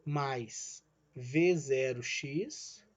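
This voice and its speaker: A man's voice: mid-range voice, drawn-out words, highs cut off. A male physics teacher gives a recorded online lesson. He explains each step and checks in with "né?" and "certo?", and he calls himself the teacher in the third person.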